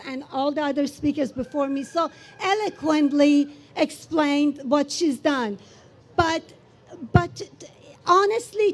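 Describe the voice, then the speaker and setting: A woman with a very high voice delivers an impassioned speech at a fundraiser. She speaks slowly and deliberately, rising into rousing shouts. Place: outdoor beer garden event.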